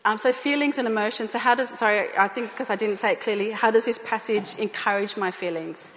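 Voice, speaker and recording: Talking a little fast, a woman whose medium-pitched voice has a bit of brightness addresses a church group in an echoey hall. The talk is informal and conversational, sprinkled with fillers and phrases she repeats.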